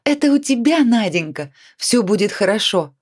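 A woman's voice: medium pitch, very animated, moderate pace, darkish tone, voice pushed up. A woman reading a storybook voices a drunk, despairing 42-year-old woman who whines and pleads. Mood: defensive. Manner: whiny, pleading, self-pitying.

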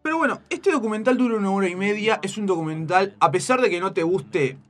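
A man's voice: sits high, quick pace, a bit bright, soft background music. A man co-hosting a radio show, chatting loosely about comics with many restarts. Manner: rambling, many restarts and fillers.

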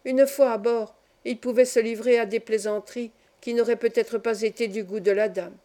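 A woman reading a classic novel aloud as an audiobook, in a calm, measured storytelling manner. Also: a little high. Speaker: audiobook reader. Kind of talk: scripted narration of a classic novel.

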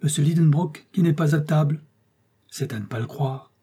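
A fretful old housekeeper frets aloud, worried and shaking her head, in a man's voice in an audiobook reading. The voice is husky and dark. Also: fairly high pitch, normal speed. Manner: worried, headshaking.

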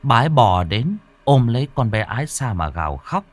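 A man narrating a horror story in a slow, expressive, dramatic manner. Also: medium pitch.

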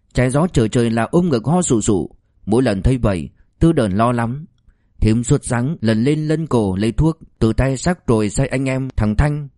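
A man narrating an audiobook in a steady storytelling manner, shifting into character voices. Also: medium pitch, dry recording, studio quality.

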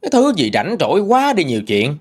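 A man's voice: fairly high pitch, huge pitch swings, fairly quick, pitched above the performer's own voice. Man doing a furious scolding husband. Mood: angry threats. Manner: indignant, threatening scolding. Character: angry younger husband scolding his sister-in-law.

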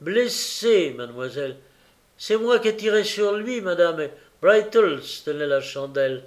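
A man doing a pompous, shouting old butler. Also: fairly high pitch, measured pace. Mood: triumphant shouting. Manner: loud, excited, self-important. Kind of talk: audiobook reading.

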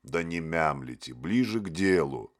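An irritable bohemian, played by a male narrator barks his lines in short, impatient bursts. The voice is deep and edged with annoyance. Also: animated, unhurried, exaggerated voice. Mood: irritated. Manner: snappish, impatient.

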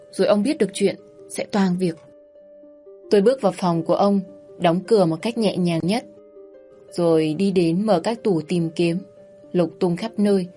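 A woman narrating a first-person story in a brisk, wry, conversational way. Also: on the low side, dark tone.

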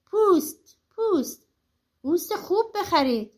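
A woman's voice: high-pitched, big pitch swings, a little mellow. A woman voicing a greedy, hot-headed peasant man in a folk tale.

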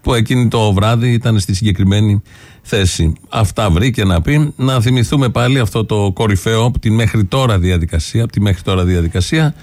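A man's voice: fairly low pitch, a little mellow, dry recording. A man hosting a radio political commentary show, sarcastic, listing his points one by one. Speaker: radio host.

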